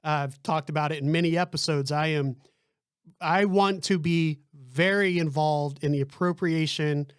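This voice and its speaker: Male podcast host, fairly high voice, chatty and dry-sounding. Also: normal speed, smooth, dry recording. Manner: chatty, lots of fillers and "right?". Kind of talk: casual podcast chat.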